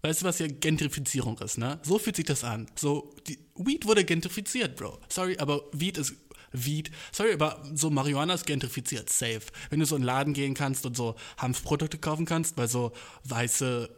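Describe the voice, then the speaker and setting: A man's voice: mid-range voice, normal speed. A man hosting his own podcast, rambling in casual chat, swearing a lot and dropping English slang into his rants. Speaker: podcast host.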